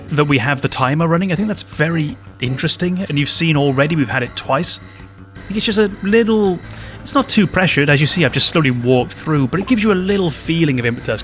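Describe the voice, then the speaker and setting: A man's voice: fairly high pitch, fairly bright tone. A man, hosting a let's play and chatting reflectively about what he likes in the game. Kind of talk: casual game commentary.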